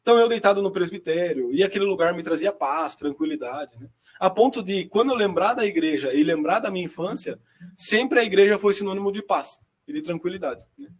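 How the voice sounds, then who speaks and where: Fast-talking young man, high voice. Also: gravelly, husky. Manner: chatty, slangy storyteller, quick and lively. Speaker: seminarian guest. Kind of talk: personal testimony in casual chat.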